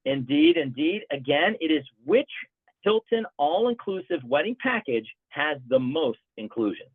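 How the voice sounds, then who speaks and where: A man's voice: fairly high pitch, big pitch swings, measured pace, husky. Upbeat man presenting over a tinny line. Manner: playful game-show host banter. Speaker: webinar presenter. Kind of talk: upbeat sales webinar presentation. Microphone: video call. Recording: tinny phone-like audio.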